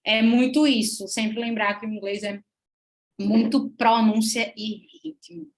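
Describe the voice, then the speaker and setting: Lively woman teaching English. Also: fairly high pitch, unhurried. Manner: lively, checks in with the class often. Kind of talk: online English class, mixing Portuguese and English.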